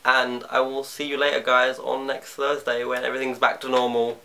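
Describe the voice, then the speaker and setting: A young man telling a personal story in a confessional vlog from his bedroom at home, in a halting, reflective way. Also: medium pitch, flat delivery, vocal fry, sharp tone, slight background noise. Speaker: vlogger.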